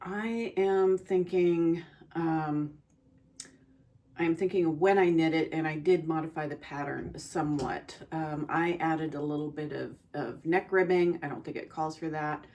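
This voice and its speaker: A woman hosting her own podcast, chatting in an unhurried way with frequent ums and pauses, recorded on a phone. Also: low-pitched, fairly even intonation, a little mellow, dull audio. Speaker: podcast host. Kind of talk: casual chat.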